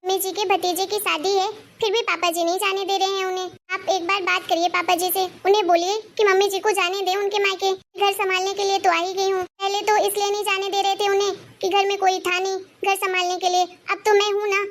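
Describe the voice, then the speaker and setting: A woman acts out a caring, outspoken young daughter-in-law in a cartoon story. She talks earnestly in a very high voice with a gravelly edge. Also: little pitch movement, a little fast, hardly any pauses, slight background noise. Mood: concerned. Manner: concerned, earnest, persistent. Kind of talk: cartoon voice acting.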